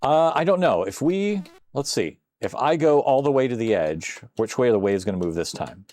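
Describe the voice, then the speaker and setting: A man's voice: medium pitch, sing-song, moderate pace, darkish tone. An older man casually commenting while playing a retro computer game on a live stream, chatting with viewers and exclaiming at close calls.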